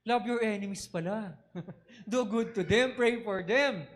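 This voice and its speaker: A man preaching a sermon in an animated way, switching between Tagalog and English and asking the congregation questions. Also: high voice, takes it slowly.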